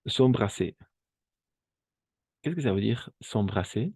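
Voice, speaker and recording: A man teaching a language class in an unhurried, methodical way. His voice sits very low, and he repeats words and asks whether everyone follows. The sound is dry and close. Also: animated, a little mellow, slightly rough, no echo. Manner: patient, repeats each phrase, often checks understanding. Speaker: French teacher. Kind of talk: bilingual language lesson.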